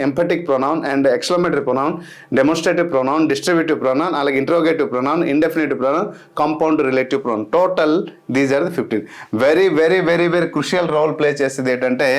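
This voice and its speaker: A young man with a Telugu accent lecturing as an exam-prep teacher, emphatic and repeating key words. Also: on the high side.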